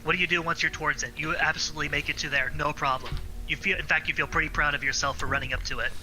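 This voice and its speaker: A man narrating a tabletop game as game master in a relaxed, searching way with fillers. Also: on the high side, rapid-fire, music in the background, poor audio. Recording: faint ambient noise.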